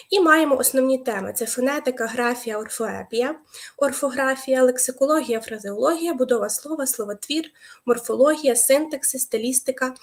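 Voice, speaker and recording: Speaking in a high voice, a young woman runs a live exam-prep class online, patiently working through explanations with hesitant fillers and stopping so viewers can reply.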